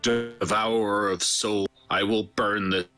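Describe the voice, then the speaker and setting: A man's voice: on the low side, steady tone, bright, forceful tone, soft background music, voice pushed down. A man putting on a mock soul-devourer. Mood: mock-sinister. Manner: drawn-out exaggerated villain parody. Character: mock-sinister soul-devouring creature, theatrical.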